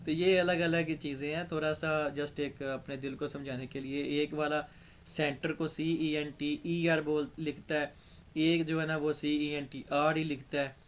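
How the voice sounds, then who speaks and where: Pakistani male tutor, slightly raised pitch, slow patient explaining, dryish throat. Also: flat delivery, a little hiss or hum. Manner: patient, step-by-step explaining, repeats examples. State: dry throat. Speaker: English teacher. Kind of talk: grammar lesson.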